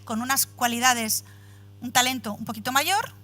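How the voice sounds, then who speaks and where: A woman's voice: fairly high pitch, normal speed. A woman in her forties giving a motivational talk, addressing the audience directly and telling a personal story with acted-out dialogue. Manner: animated storytelling, acts out dialogue. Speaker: speaker at a women's empowerment event.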